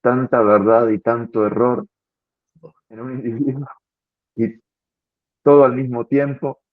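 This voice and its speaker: A man's voice: medium pitch, little pitch movement, measured pace, no room sound. A man in an earnest, reflective philosophical conversation, often repeating words as he thinks. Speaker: philosophy commentator. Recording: tinny phone-like line.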